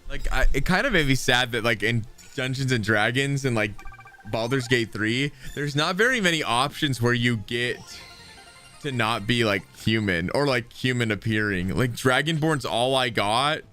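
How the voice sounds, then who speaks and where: Chatty excitable male game streamer. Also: mid-range voice, normal speed, soft background music. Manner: chatty, excitable, rambling asides. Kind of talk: casual gameplay chat with viewers.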